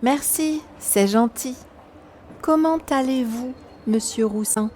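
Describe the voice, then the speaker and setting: A woman voicing a friendly, excited teenage girl in a scripted language-lesson dialogue, speaking in slow, carefully enunciated phrases. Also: a little high, slight background noise, lightly acted.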